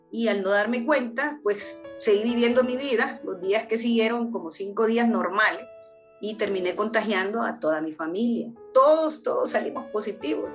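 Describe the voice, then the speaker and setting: A woman preaching a personal testimony sermon, speaking in an earnest, heartfelt way with frequent restarts. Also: on the high side.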